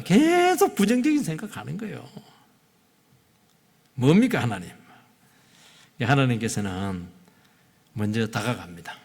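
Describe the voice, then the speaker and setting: A middle-aged male pastor delivers a sermon in a church sanctuary, his fairly high voice swinging widely in pitch. He acts out quoted dialogue with shifting voices. A husky edge sits on his voice, and the long reverb of the hall trails behind him.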